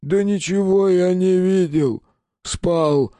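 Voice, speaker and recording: A man voicing a frightened drunk peasant witness in an audiobook, with rough, folksy common speech. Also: high voice, takes it slowly, dark tone, dry recording, voice pushed up. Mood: wary. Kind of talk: audiobook character voice.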